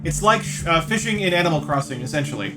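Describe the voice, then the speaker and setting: Talking fast and sounding animated, a man with a voice on the high side streams himself playing a visual novel. He's playful and casual with his audience, greeting chatters by name, and game music runs underneath.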